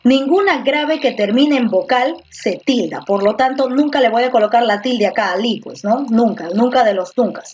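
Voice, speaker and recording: Over a computer microphone in a video class, a female teacher patiently repeats words and quizzes her students. Her voice is a little high, mellow and animated, at normal speed with few pauses. Slightly muffled lo-fi audio carries slight background noise.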